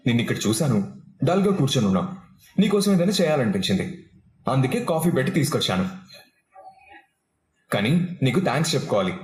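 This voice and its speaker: An actor playing a caring, playful husband in a family TV serial. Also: male voice, medium pitch, sing-song, fast talker, pauses often, echoey room, close to an everyday voice. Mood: tender.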